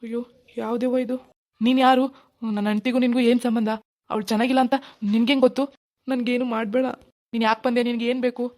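Voicing a bossy, lazy cartoon husband who turns to panic and pleading once frightened, this woman speaks quickly in a natural, darkish voice that's on the high side with a flat delivery.

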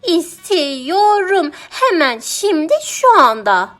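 A woman voicing a vain, stubborn female cow who exclaims loudly and whines in drawn-out words, in a children's audiobook. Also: high voice, faint music behind, voice pushed up, lightly acted.

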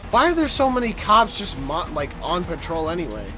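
A man streaming a racing game, talking casually, swearing and shouting at the game. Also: high voice, big pitch swings, a little fast. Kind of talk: casual gameplay commentary. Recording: game music over the voice. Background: game music.

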